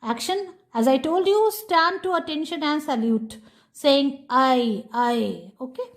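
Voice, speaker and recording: A woman's voice: high-pitched, expressive, very slow. A young woman with an Indian English accent, teaching a kindergarten English lesson, spelling out words letter by letter and explaining them in Hindi.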